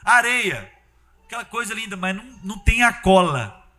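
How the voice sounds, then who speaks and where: A high-pitched man preaches a sermon. His voice is bright and forceful, and he talks in a lively, conversational way, often dropping into acted-out quotes. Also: moderate pace. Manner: animated, conversational preaching with acted-out quotes and sudden loud bursts.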